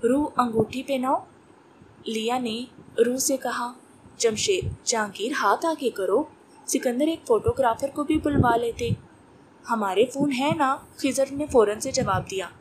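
A woman's voice: fairly high pitch, measured pace. A woman narrating a romance novel, reading all the parts in her own voice. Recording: noisy recording with clicks.

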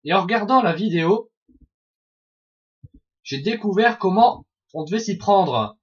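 A gaming video host gives Let's Play commentary on his online match, excitedly swearing and shouting at opponents at an unhurried pace. His high voice swings wildly in pitch. The home recording sounds dull and lo-fi.

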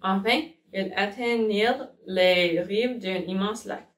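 A woman reads a children's picture book aloud at a careful pace, stopping now and then to correct herself. Her voice is mid-pitched and sounds distant in an echoey room. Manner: slow careful reading with self-corrections. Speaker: storyteller. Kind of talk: children's storybook read-aloud. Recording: roomy, from a distance.

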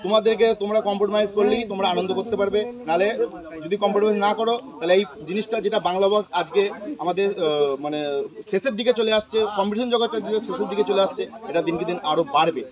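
A man's voice: high voice, fast. A man speaking as a spokesman at a public meeting, reading out a long list of names with some hesitations. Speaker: sound system association spokesman. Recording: muffled, crowd noise behind. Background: crowd.

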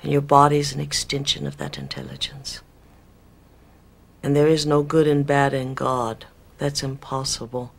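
A woman voicing an ancient male spirit with a put-on British accent, speaking in slow, solemn, archaic phrases. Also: very deep voice, flat delivery, creaky, voice pushed down. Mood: instructive. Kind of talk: channeling performance.

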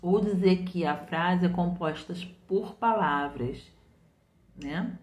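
Low-voiced woman teaching in an echoey room. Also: slow pace, a little mellow. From Brazil. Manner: patient, explains step by step with repetition. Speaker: literacy teacher. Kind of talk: didactic explanation. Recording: roomy, muffled home recording.

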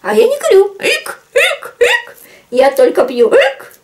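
A woman voicing a drunk, touchy male hedgehog who hiccups and drawls in a slow tipsy way. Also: very high voice, wildly swooping pitch, pitched above the performer's own voice, exaggerated voice.

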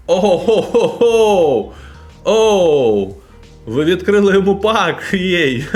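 A man streaming and commenting casually on a game, excitable, bursting into loud exclamations. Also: mid-range voice.

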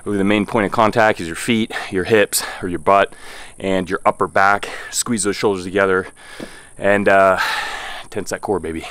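Deep-voiced and fairly bright, a man in his thirties narrates exercises as a fitness coach at a backyard home gym by a garage. His pace is moderate and his intonation fairly even, his manner easygoing and enthusiastic, and the recording has no room sound.

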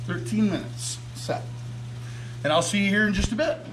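A man's voice: high voice, animated, normal speed, noisy background. A man in his forties hosting a cooking show, chatting enthusiastically to viewers as he cooks in a kitchen. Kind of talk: casual cooking demonstration. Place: home kitchen studio, indoors.

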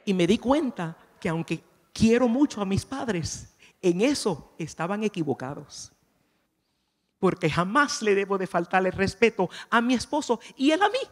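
A woman's voice: medium pitch, very animated, normal speed. Woman speaker, conversational sermon, teasing asides, mid-range voice, echoing hall. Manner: chatty and playful, asks the audience questions. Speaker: conference speaker. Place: church conference hall. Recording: long reverb of a large hall.

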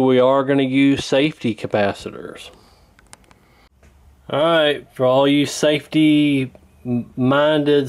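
Working at an indoor bench, a man who repairs radios talks casually through the job as its host. He has a medium-pitched, darkish, clear and resonant voice. The audio comes from a handheld camera close by, with obvious background noise from its mic.

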